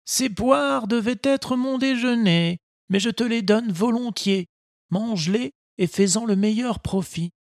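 A man voicing a kind, patient old woodcarver who gently lectures his puppet son in a storybook reading. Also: very high-pitched, measured pace, gravelly, dry recording, clean studio sound, pitched above the performer's own voice, heavily acted. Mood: gentle. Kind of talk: audiobook character voice.

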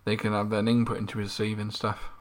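A man's voice: on the low side, monotone, quick pace. A man chatting casually as a podcast co-host, giving his opinions in discussion.

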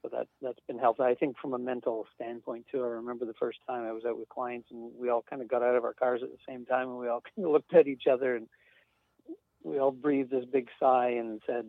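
A man's voice: medium pitch, little pitch movement, fairly quick, no room sound. A man talking casually as a guest, rambling with fillers and light chuckles. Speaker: industry sales rep, guest. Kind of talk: casual conversation. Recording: dry, tinny phone-line sound.

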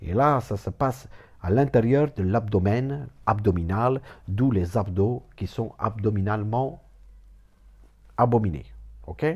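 A man's voice: on the low side, darkish tone, breathy edge, lo-fi sound. A man giving a comic mock lecture, rambling, repeating words and stumbling playfully over them.

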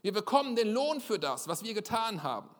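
A man reading out the words of a repentant condemned criminal in a sermon, slow and earnest. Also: high-pitched, very animated, in a large hall.

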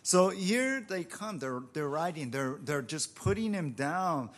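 A man preaching a sermon as pastor, animated and conversational, often checking in with the congregation and acting out the voices in the story. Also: a little high, a little slow. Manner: animated, acts out quoted voices, frequent "right?".

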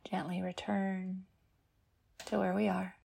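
Woman, guided meditation, sleep story narration, soft breathy near-whisper, mellow tone, creaky edges, gentle and unhurried. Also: mid-range voice, flat delivery. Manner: hushed, gentle, unhurried delivery with long pauses.

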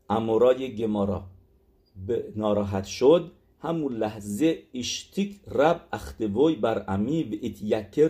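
A man's voice: medium pitch, dark tone. Hesitant man teaching a text lesson. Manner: explanatory, hesitant with many fillers. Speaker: religious teacher.

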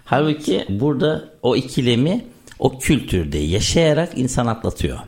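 Gravelly-voiced man, animated and expressive. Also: medium pitch, moderate pace. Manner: animated storytelling with examples. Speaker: conversation leader on language learning. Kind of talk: casual conversational explanation.

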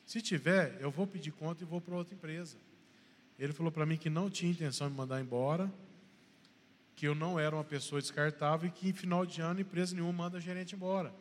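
With a long reverb tail and a faint hiss or hum around him, a fast-talking Brazilian man with a slightly high voice and a Brazilian Portuguese accent gives his church testimony. He plays out a phone dialogue within his story before turning to preacherly exhortation of the congregation.

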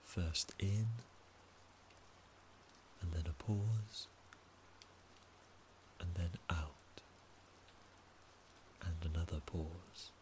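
Slow, deep-voiced man guiding breathing. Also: a little hiss or hum. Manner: calm, soft, counting out breaths. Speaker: relaxation guide. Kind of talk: guided breathing meditation.

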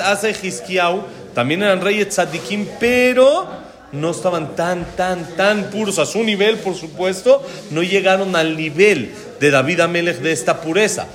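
A man, giving a religious lecture as a rabbi, who explains verses slowly, translates them and adds touches of humor. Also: high-pitched, fairly bright tone. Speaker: rabbi teaching a class.

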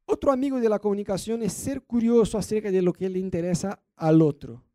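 High-voiced Rioplatense man giving marriage talk. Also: fairly quick, dark tone, no echo, studio quality. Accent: Rioplatense Spanish. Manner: acts out quoted spouses, rhetorical asides. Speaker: marriage speaker.

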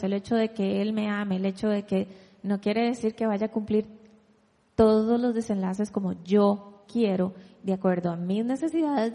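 A woman's voice: medium pitch, warm tone. Woman preaching in a reverberant hall. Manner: asks rhetorical questions and invites the audience to read along. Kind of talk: sermon with scripture reading.

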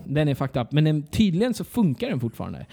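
A man with a slightly high, mellow voice tells a story in a casual podcast. He is animated, swears freely and acts out the other people's lines as he goes. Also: gravelly, slight background noise.

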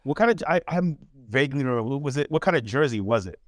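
A man in his forties co-hosting a casual podcast, animated and slangy, laughing easily. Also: mid-range voice, fast talker, no echo, clean studio sound. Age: 40s. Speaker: podcast co-host.

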